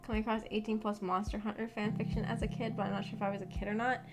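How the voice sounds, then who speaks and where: Speaking very fast at a medium pitch and a level tone, a woman hosts her visual novel book club stream. She rambles casually to viewers, hesitant and self-deprecating, while background music runs underneath.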